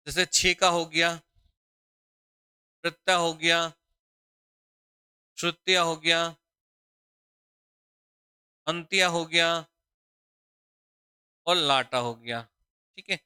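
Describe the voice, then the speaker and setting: A man teaches a Hindi grammar lesson for exam preparation, explaining in a drawn-out, deliberate way, often repeating his own questions and calling the students "beta". His voice is a little high, sharp in tone and smooth, with no room sound.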